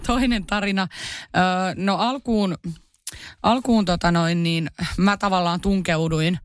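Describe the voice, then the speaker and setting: Woman co-host, casual chat, self-mocking, filler-heavy, smooth resonant voice, dry close sound. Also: on the low side, no room sound. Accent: Finnish. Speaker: podcast co-host.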